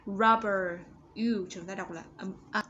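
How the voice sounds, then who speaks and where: A woman teaching young children, walking through exercises and modeling English words slowly for them to repeat. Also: mid-range voice. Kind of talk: step-by-step exercise walkthrough. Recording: slightly dull audio with faint background noise.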